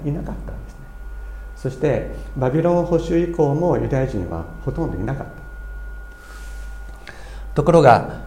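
A man's voice: mid-range voice, gravelly, dark tone, a little hiss or hum. A middle-aged man preaching a sermon in an earnest, explanatory way, with fillers and restarts as he goes. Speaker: pastor.

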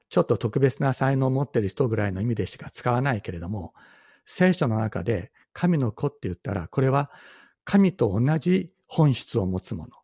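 A middle-aged pastor delivers a Bible teaching sermon, explaining things in a measured way and repeating key phrases for emphasis. His mid-range voice is gravelly, mellow and husky, captured in a dry recording.

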